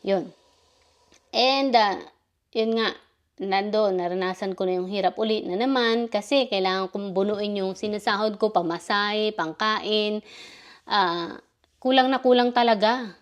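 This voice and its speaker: A woman's voice: medium pitch, a little slow, long pauses. A woman from the Philippines in her thirties telling a personal story in a casual vlog, rambling and often stopping to correct herself. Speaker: vlogger.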